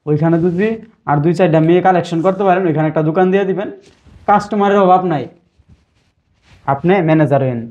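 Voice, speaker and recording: A man's voice: high voice, fast talker, long pauses, darkish tone, lo-fi sound, close to an everyday voice. A man playing a greedy, insolent son-in-law who mocks and demands money. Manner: mocking, wheedling, insolent. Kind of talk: web drama acting.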